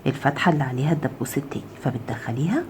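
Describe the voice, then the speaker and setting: A woman with an Egyptian Arabic accent and a very deep voice gives a very fast, step-by-step crochet tutorial, counting stitches aloud and often asking "okay?". She drops to a soft murmur while handling the work, and there is background noise.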